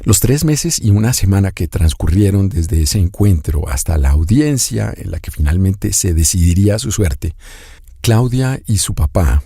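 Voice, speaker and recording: A man hosting a documentary podcast, reading serious narration and asking his guest questions in a measured way. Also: deep voice, expressive, vocal fry, mellow, husky, no echo, clean studio sound. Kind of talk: scripted narration and interviewing.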